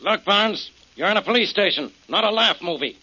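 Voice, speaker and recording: A man's voice: sits high, lively intonation, a little fast, over loud music. An actor playing a stern, dogged male police inspector with emphatic, scolding delivery in 1940s radio style. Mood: stern, triumphant. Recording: muffled, worn old radio broadcast.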